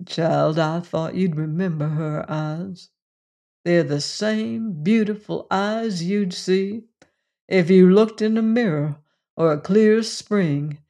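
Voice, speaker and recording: In a storybook reading, a woman voices a gentle, protective cowboy gunslinger, using a rich voice and a folksy Western drawl. She speaks fairly low and slowly, sounding gentle and assured.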